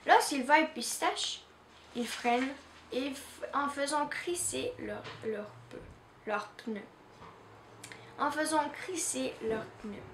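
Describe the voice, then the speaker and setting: A woman from Canada reading a children's story aloud in an expressive, measured way. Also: high-pitched, roomy sound, slight background noise. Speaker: reader.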